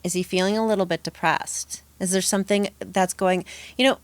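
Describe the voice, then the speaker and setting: A woman's voice: mid-range voice, fairly even intonation, brisk, no echo. A woman who works as a dating coach, giving confident, emphatic advice in a casual podcast conversation.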